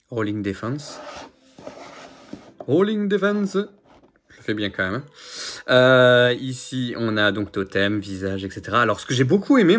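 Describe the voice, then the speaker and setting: A man's voice: medium pitch, fairly bright tone. A man casually showing his figure collection to camera, chatty and rambling, full of fillers and repeats. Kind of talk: casual unboxing chat to camera.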